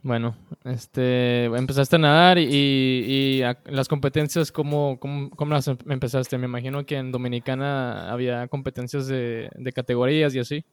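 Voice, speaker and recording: Smooth-voiced joking male co-host. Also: medium pitch, steady tone, moderate pace, hardly any pauses, no echo. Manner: joking and laughing, asks follow-ups. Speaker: podcast co-host. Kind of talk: casual podcast banter.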